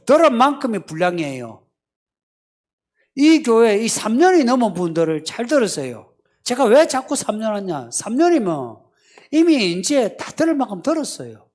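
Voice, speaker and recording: A male pastor preaching in an easy, conversational way. His pitch swings widely as he teases the congregation and drops into hushed, acted-out little prayers. The sermon has a lively, animated rise and fall.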